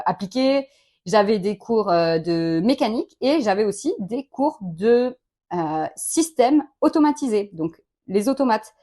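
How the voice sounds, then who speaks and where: Chatty woman in her late thirties, business leader in a quick-fire interview, informal, quick to laugh. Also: mid-range voice, darkish tone. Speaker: company director interviewed.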